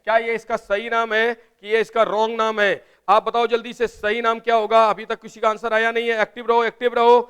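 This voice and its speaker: A man teaching chemistry in a live online class, explaining step by step and urging students to answer quickly in the chat. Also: high voice, completely flat delivery, bright, forceful tone, smooth. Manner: explains step by step, often asks "right?".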